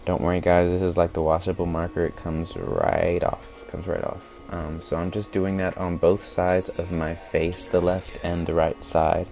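Low-voiced man doing a mock makeup tutorial. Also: level tone, moderate pace, creaky, few pauses, darkish tone. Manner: playful, repeats phrases for comic effect. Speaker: guest voice-over commentator. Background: background music.

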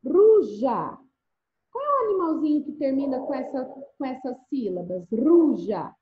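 High, sing-song woman teaching young kids. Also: huge pitch swings, a little fast. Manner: sing-song, coaxing, with frequent checks for agreement. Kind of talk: remote first-grade lesson. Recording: echoey room, dull lo-fi sound.

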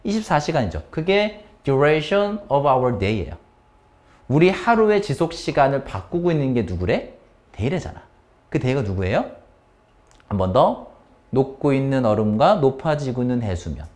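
A man's voice: medium pitch, sing-song, unhurried, darkish tone. A man teaching an English reading lesson, explaining step by step and constantly asking his students questions. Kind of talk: exam-prep lecture.

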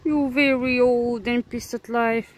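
A woman's voice: fairly high pitch, fairly even intonation, unhurried. A woman talking tenderly and teasingly to street cats outdoors while filming them. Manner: doting, teasing, laughing softly. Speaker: cat-feeding vlogger. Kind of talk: casual talk to street cats.

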